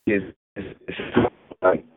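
A man calling in to a radio show, rambling slowly over a crackly phone line that keeps cutting in and out. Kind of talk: casual radio talk. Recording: tinny dry phone line.

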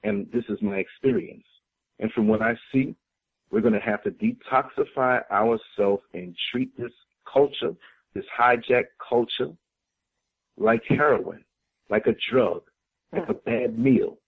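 Over a tinny phone line, an American man appearing as a talk show guest speaks in an impassioned, preacherly style, repeating phrases for emphasis. His medium-pitched voice is slightly rough and measured in pace.

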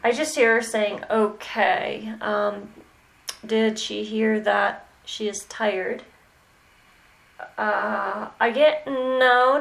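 A woman mentoring a student in animal communication, talking slowly and hesitantly with many pauses and "okay"s. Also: a little high, gravelly, fairly bright tone, poor audio. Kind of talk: mentoring session.

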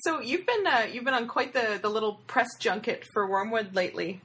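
A woman hosting a casual podcast interview, relaxed and chatty. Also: fairly high pitch, brisk.

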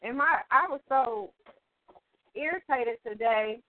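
A woman's voice: a little high, slow. A woman on a speakerphone over a phone line, chatting casually on a prayer call and laughing easily.

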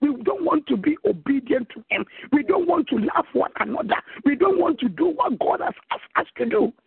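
A Ghanaian preacher exhorts his listeners, quoting scripture in a very high, gravelly voice. His husky tone comes through a dry, phone-like line. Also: big pitch swings, a little fast, dry recording. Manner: exhorting, mixes scripture quotes with local-language preaching. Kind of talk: sermon mixing Twi and English.

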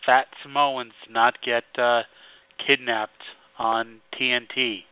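A man's voice: mid-range voice, flat delivery, slow pace, clear, resonant tone, no echo. Male co-host, rambling casual chat, dry, phone-like audio. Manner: rambling, heavy on "like" fillers. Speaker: podcast co-host. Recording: tinny phone-like dry sound.

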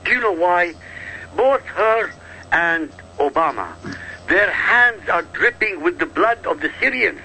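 A man's voice: high-pitched, vocal fry, sharp tone, slight background noise, low-quality recording. A man from Iraq giving emphatic, insistent political commentary as a talk show guest, driving his points home with rhetorical questions.

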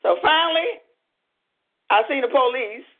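Animated woman storyteller on a phone line. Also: sits high, measured pace. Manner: chatty, animated storyteller with lots of "you know". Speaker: minister on a prayer call. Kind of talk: conversational testimony on a prayer line.

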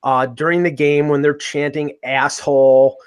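A man's voice: mid-range voice, normal speed, fairly bright tone. A man hosting a casual sports podcast, talking in a rambling way with many restarts and fillers. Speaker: podcast host.

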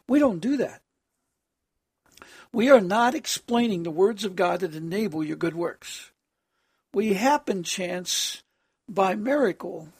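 Harsh, hoarse preacher with a gravelly rasp. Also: medium pitch, a little mellow, no room sound, clean studio sound. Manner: halting, with frequent throat clearing. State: hoarse, having trouble with voice, clearing throat. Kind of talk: extemporaneous sermon addressed as prayer.

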